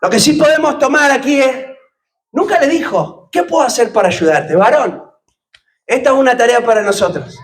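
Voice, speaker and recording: A man's voice: extremely high pitch, animated, normal speed, rough recording. A man preaching a sermon, putting questions to the congregation and joking with them. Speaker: pastor.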